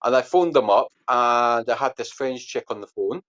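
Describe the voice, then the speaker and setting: A man's voice: mid-range voice, moderate pace, fairly bright tone. A man telling a long story in a rambling way, full of fillers and restarts, then quizzing his hosts. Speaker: podcast guest. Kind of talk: casual storytelling and quiz hosting. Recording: dull lo-fi audio.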